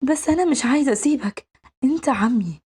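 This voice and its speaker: A woman's voice: high voice, expressive, fast, dark tone, breathy edge, pitched above the performer's own voice, exaggerated voice. A woman doing a sweet, pleading young Egyptian girl. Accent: Egyptian Arabic. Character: clingy young woman orphan raised by the boss.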